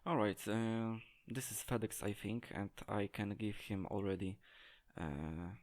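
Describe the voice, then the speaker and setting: A man with a low, flat voice gives unscripted commentary for a gameplay tutorial. He explains hesitantly and haltingly, often searching for words.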